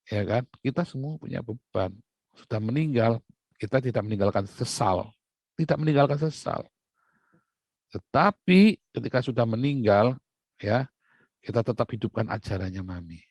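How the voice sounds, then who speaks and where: A middle-aged man preaching a sermon, telling family stories with animated rises and soft low asides. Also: no echo. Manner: animated storytelling, rising loud when recounting fights.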